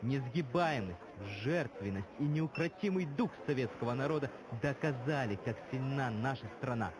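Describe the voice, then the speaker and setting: A man's voice: medium pitch, lively intonation, normal speed, natural voice. A man acting a fervent, grandiose patriot who longs for Soviet glory, declaiming solemnly in a scripted dramatic speech. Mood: wistful, reverent. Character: fervent Soviet-nostalgic Russian patriot orator, grandiose and menacing. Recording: clearly noisy background ambience.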